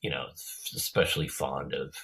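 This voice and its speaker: Low husky man, hesitant casual chat. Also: fairly even intonation, normal speed, sharp tone. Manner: hesitant, trailing off, many fillers.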